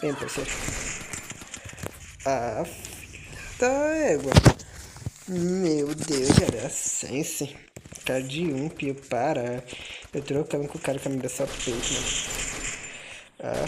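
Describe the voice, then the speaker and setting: A woman streaming a mobile shooter live, keeping her voice down but cursing and groaning excitedly at missed shots. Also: rumbling low, slow, pauses often. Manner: keeps voice down, can't narrate loudly. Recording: noisy stream audio with mic clicks.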